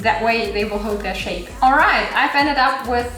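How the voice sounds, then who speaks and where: A German woman with a German accent hosts a cooking channel vlog, chatting her way through a recipe and laughing at her own slips. Her voice is on the high side, pushed and bright, at normal speed. The recording is rough and reverberant.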